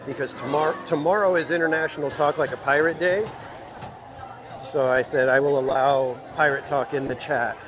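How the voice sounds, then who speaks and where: A man hosting a casual walking livestream in a theme park, chatting with viewers in a relaxed, rambling way. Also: a little high, normal speed, over music. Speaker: livestream host. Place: outdoors in a busy theme park. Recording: loud outdoor park noise.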